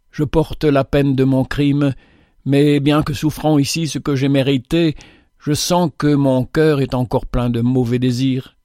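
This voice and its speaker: A man voicing a repentant male convict who speaks slowly and pleadingly, full of shame. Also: mid-range voice, dark tone, dry recording, studio quality, lightly acted. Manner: slow, pleading, self-reproaching. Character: humble repentant male convict, tearful and ashamed.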